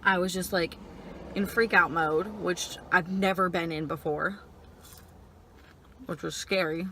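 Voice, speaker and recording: A young woman telling personal stories casually while eating and chewing, in halting phrases peppered with "like". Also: on the low side, fairly even intonation, bright, forceful tone, a little hiss or hum. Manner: frequent filler "like", halting stop-and-start phrasing. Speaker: vlogger. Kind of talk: casual personal storytelling chat.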